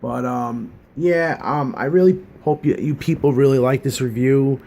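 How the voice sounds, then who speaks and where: A man's voice: medium pitch, moderate pace, vocal fry, warm tone. Man, casual hobby review, chatty, earnest, rambling, lots of fillers. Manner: rambling, many fillers and restarts.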